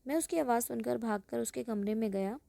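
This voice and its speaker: A woman narrating an emotional first-person story in a plain, even storytelling manner. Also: fairly high pitch, brisk, gravelly, no echo.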